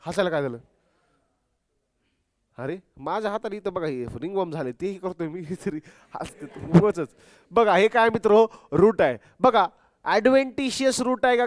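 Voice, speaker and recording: Man, high voice, biology teacher, quizzing students, dry close sound. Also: no room sound. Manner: quizzes students, mixes English terms into speech. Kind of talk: classroom lecture. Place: classroom.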